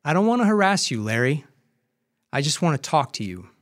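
A man's voice: a little high, sing-song, fairly quick. A man voicing a firm but caring male rabbi on the phone, speaking earnestly. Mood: gentle.

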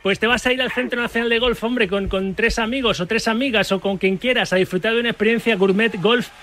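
A man hosting a sports radio show, energetic and joking, with quick asides to guests and callers. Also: sits high. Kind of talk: lively sports radio chat.

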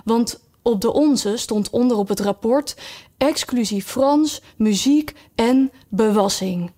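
A woman voicing a sad, sighing old male mock turtle who tells his tale slowly and mournfully. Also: on the high side, dark tone. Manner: slow, sighing, mournful telling.

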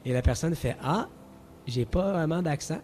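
Animated Quebec French man telling stories. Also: fairly high pitch, normal speed, slight background noise. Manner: animated storyteller, laughs often. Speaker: radio co-host. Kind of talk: casual radio banter.

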